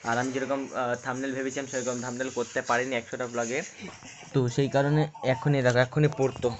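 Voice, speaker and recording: A man's voice: medium pitch, level tone, quick pace, lo-fi sound, slight background noise. A man chatting casually through his daily vlog, rambling and self-deprecating. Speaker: vlogger.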